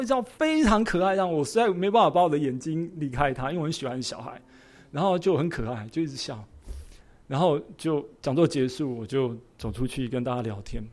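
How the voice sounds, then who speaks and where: A man preaching a sermon as a pastor, telling a personal story in an earnest, expressive way. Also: fairly high pitch.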